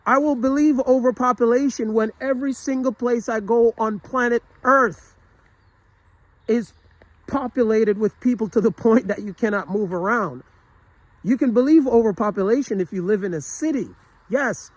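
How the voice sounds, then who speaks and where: With an extremely high-pitched voice at a moderate pace and no echo, a male travel vlogger from the United States talks through a casual, opinionated monologue. He's earnest and rambling, frequently restarting his sentences with fillers.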